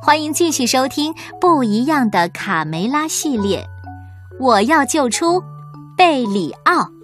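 A woman hosting and reading a children's bedtime story aloud, gentle and expressive. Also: sits high, unhurried, faint music behind.

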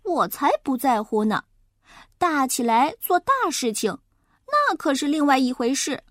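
A woman voicing an impatient, careless schoolboy in a children's story, talking quickly and fretfully. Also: sits high, very animated, fairly bright tone, no echo, clean studio sound, heavily acted. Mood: sulky.

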